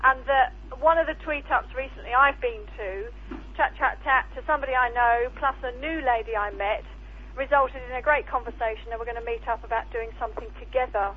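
A woman's voice: a little high, brisk, slight background noise. A woman, calling in over the phone to a radio show and chatting enthusiastically. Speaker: caller. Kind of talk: casual chat. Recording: tinny phone line, raspy.

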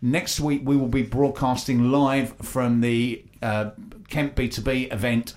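A man's voice: medium pitch, level tone, a little slow, darkish tone. A man with an English accent hosting a radio show, reading out announcements in a chatty, hesitant way. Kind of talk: live local radio presenting, reading announcements.

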